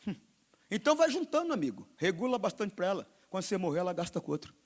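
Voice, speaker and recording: In a sing-song, fast delivery that sits high, a male pastor with a Brazilian Portuguese accent preaches. He shifts back and forth between loud urging and quiet confidences.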